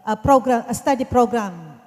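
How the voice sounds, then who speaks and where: A woman's voice: fairly high pitch, expressive, moderate pace, darkish tone. A woman with an Indonesian accent moderating conference questions, hesitant and repeating her instructions. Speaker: session moderator. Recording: echoey hall with long reverb.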